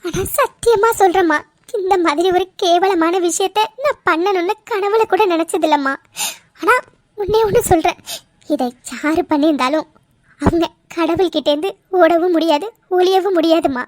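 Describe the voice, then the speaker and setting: A woman's voice: very high-pitched, normal speed, no echo, studio quality. A woman voicing a scheming, tearful sister-in-law in a cartoon, pleading and swearing oaths. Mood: solemn. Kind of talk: cartoon voice acting.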